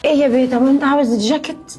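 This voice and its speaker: A woman's voice: sits high, fairly even intonation, very fast, mellow, lightly acted. A woman playing a young wife thrown out onto the street, pleading and fearful. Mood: weary. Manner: pleading, tearful.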